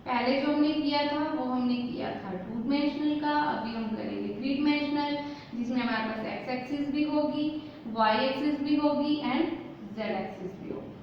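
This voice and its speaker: A woman with a high voice teaches a chemistry class, asking questions and answering them herself. The sound is dull and lo-fi, with faint noise behind it. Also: normal speed, very echoey. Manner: asks questions and answers them herself, mixing English terms into Hindi. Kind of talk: classroom lesson explaining at a board.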